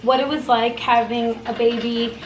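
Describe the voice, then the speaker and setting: A woman's voice: a little high, little pitch movement, normal speed, dull audio, a little hiss or hum. A woman in her twenties chatting casually while eating, rambling with lots of fillers. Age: 20s. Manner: rambling, many fillers, searching for words. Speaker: co-host, mother. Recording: roomy with background music.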